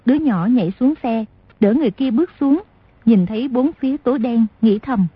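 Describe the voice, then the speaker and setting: A woman narrating an audiobook in a steady storytelling manner. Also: fairly high pitch, fairly quick, slightly rough. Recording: dull lo-fi dry recording.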